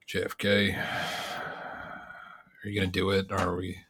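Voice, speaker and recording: A man's voice: low voice, completely flat delivery, slow pace, pushed and bright, slightly rough. A man co-hosting a podcast in casual chat, rambling with lots of fillers and easy laughter. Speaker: podcast co-host.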